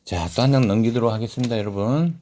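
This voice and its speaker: A man with a mid-range, warm voice talks fast as he teaches a literature lesson, a classroom lecture on a short story. He poses questions to the class and answers them himself, raising his voice to read quoted lines aloud.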